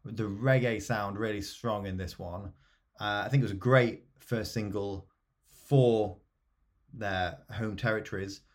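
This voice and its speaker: A man's voice: lowish voice, steady tone, measured pace. A middle-aged man, chatting casually as co-host of a music podcast.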